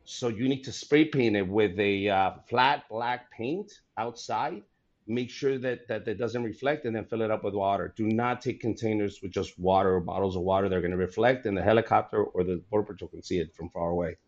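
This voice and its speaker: A man in his forties, a comedian, chatting casually and telling stories in an animated, laughing way. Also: on the low side, a little fast, muffled recording. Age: 40s. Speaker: comedian guest. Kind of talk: casual podcast chat.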